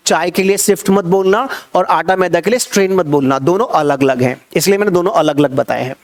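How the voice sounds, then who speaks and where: A young man teaches kitchen vocabulary in a lively way, repeating each word and quizzing his listeners as he goes. His voice sits high for a man. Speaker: spoken English teacher. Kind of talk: Hindi-language vocabulary lesson.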